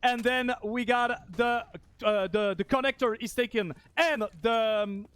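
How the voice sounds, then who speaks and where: A man with a Spanish accent calling esports play-by-play, excitable and shouting on big plays. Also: very high voice, measured pace, smooth. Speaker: esports caster.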